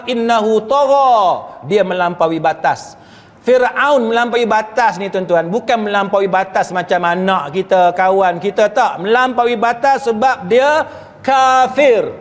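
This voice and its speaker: A man's voice: high-pitched, in a large hall. A male Islamic preacher gives a chatty religious lecture, often tossing rhetorical questions to his listeners. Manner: chatty, rhetorical questions to the audience, occasional chuckles.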